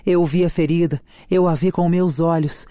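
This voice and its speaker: A reader voicing an old nurse, fretful and grieving, delivered slowly in a dramatic reading of a play. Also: mid-range voice, steady tone, warm tone, no room sound, clean studio sound, close to an everyday voice.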